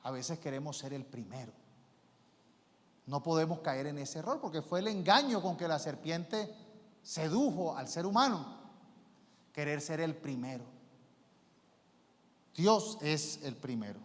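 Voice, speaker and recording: High-voiced pastor preaching. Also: male voice, lively intonation, unhurried, pauses often. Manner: emphatic, rhetorical questions, acts out quotes. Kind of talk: sermon. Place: church sanctuary. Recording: long church reverb.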